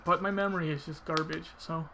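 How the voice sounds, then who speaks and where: A man commentates casually over gameplay in a somewhat high, narrow-ranged voice with a creaky edge. He explains technique informally, thinking aloud as he goes, with some noise behind him. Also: steady tone, brisk. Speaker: video game player commentator.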